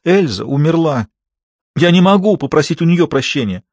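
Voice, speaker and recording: Male reader doing a panicked young woman captive, tearful and pleading, husky edge, audiobook. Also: on the high side, lively intonation, normal speed, a little mellow, dry recording, pitched above the performer's own voice. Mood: desperate crying. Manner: tearful, pleading, breaking into hoarse cries. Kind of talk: audiobook reading.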